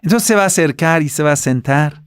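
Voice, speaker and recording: A Persian-accented man from Iran teaching a religious lesson in storytelling form. He leans on repetition to drive points home, his voice a bit high for a man. The sound is close and dry, with no room around it. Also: a little fast, clear, resonant tone, dry recording. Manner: earnest, repetitive emphasis with fillers.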